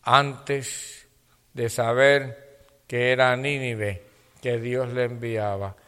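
Fervent preacher man, hushed to loud. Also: mid-range voice, level tone, takes it slowly, smooth. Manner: swings between hushed near-whispers and loud fervent passages; addresses listeners as brother. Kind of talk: sermon. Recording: long hall reverb.

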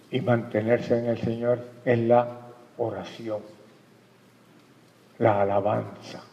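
Man, preacher, gravelly voice, sermon, questions the congregation, long hall echo, dull lo-fi sound. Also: medium pitch. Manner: addresses the congregation directly with questions and "hermano". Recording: lo-fi recording with long hall reverb.

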